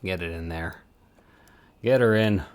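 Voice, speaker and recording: A streamer who supports 3D print models chats casually on a live stream while he works, rambling with self-mocking asides. His voice sits low, with a clean tone, and he speaks a little slowly.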